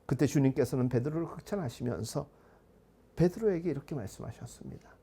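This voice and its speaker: A male pastor giving a sermon in a measured, earnest manner, asking his congregation rhetorical questions. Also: medium pitch, lively intonation, vocal fry, dark tone, breathy edge.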